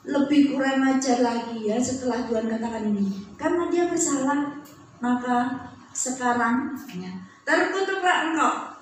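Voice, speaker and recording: A woman's voice: sits high, slight background noise. A woman preacher reading Bible verses aloud and acting them out with scorn. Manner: dramatic, acts out the verses with scorn. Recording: very echoey room, heard from a distance.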